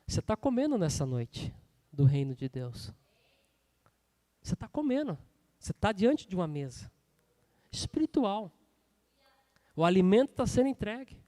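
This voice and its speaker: A Brazilian man in his thirties, a pastor preaching a sermon, swinging between loud bursts and hushed asides. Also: sits high, sing-song, normal speed, long pauses. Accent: Brazilian Portuguese.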